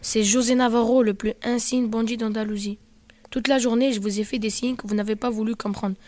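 A woman playing a fearful, urgent male guide in a read-aloud drama, hushed in tone. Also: on the high side, steady tone, brisk, dry recording, close to an everyday voice.

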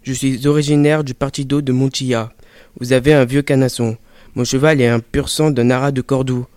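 A man's voice: mid-range voice, level tone, brisk, a little mellow, dry recording, studio quality, close to an everyday voice. A man voicing a proud, brooding Spanish bandit who speaks brusquely in an audio drama reading. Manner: proud, brusque, sometimes gloomy.

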